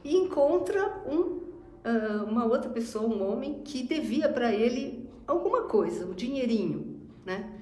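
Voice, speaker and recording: A woman's voice: a little high, expressive, a little slow, warm tone. A Brazilian woman giving a spiritist sermon, reflective and hesitant, often tagging sentences with a questioning filler. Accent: Brazilian Portuguese. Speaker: spiritist speaker. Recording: echoey room, faint noise.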